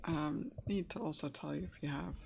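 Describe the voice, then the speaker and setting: A woman's voice: low voice, brisk, creaky, a little mellow, breathy edge. A woman narrating a tabletop game as game master, hesitant and full of fillers.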